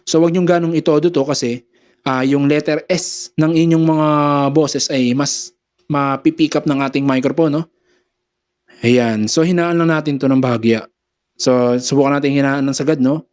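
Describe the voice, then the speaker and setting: A man gives a casual step-by-step tutorial on mixer settings from a small home studio, pausing to say mic-check phrases into a condenser microphone. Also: a little high, steady tone, darkish tone, clean tone. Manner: explains step by step, says mic-check phrases between adjustments. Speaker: audio gear seller and tutorial host. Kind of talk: casual how-to demonstration. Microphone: condenser microphone through a mixer.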